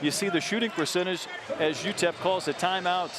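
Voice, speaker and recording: Male play-by-play commentator, high-pitched voice, live basketball, stats-driven calls, very loud crowd. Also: brisk. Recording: noisy arena broadcast with loud crowd. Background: loud crowd, bouncing basketballs.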